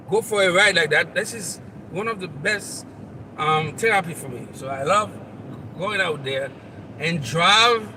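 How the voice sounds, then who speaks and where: A man from Haiti with a Haitian accent, hosting a live motivational talk and speaking straight to the listener in an earnest, repetitive way. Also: fairly high pitch. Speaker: motivational coach and channel host. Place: outdoors near traffic, on the road. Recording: distant mic with loud traffic noise.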